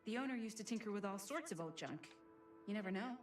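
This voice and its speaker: A teenage girl in a video game played by a woman, mild and hopeful. Her mid-pitched voice comes from a little way off in an echoey space. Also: animated, fast talker, close to an everyday voice. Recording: echoey, distant game dialogue over music.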